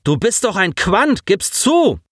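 A burly teenage bully played by a man, rude and blustering, lifted above the reader's usual pitch. The delivery is dry and up close. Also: very animated, measured pace, a bit bright, no echo, full character voice. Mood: hostile.

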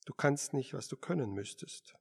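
A man reading an unyielding machine intelligence in an audiobook, speaking in a measured, quietly firm way. The voice carries a gravelly fry. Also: mid-range voice, lively intonation. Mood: calm.

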